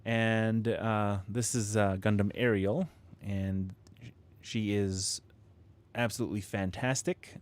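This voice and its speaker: On the low side and slow, a man speaks with fairly even intonation. He's livestreaming from home while building model kits, chatting to viewers in a rambling style with many restarts and fillers and frequent chuckles. His close studio mic shows proximity effect.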